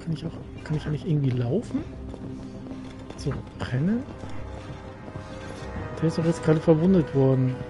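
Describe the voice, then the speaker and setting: A man's voice: fairly high pitch, lively intonation, moderate pace, pauses often, music in the background. A man giving casual let's play commentary, muttering to himself as he plays.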